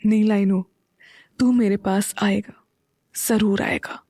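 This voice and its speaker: A woman's voice: medium pitch, fairly even intonation, slow pace, dark tone, no room sound, studio quality. A woman voicing a clingy, scheming young woman in an audio story, sweet but insistent.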